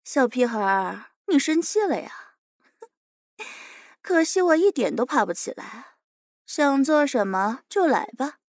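A woman's voice: high-pitched, sing-song, takes it slowly, long pauses, darkish tone, dry recording, studio quality, heavily acted. A woman voicing a fearless, smug young captive who teases her interrogator and calls herself big sister, in an audio drama. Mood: mocking.

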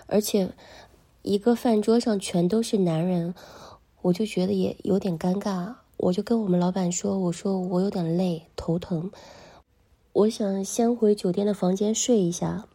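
A young adult woman telling a first-person story in a soft, intimate manner that often drops to a whisper. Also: medium pitch, steady tone, moderate pace, breathy edge.

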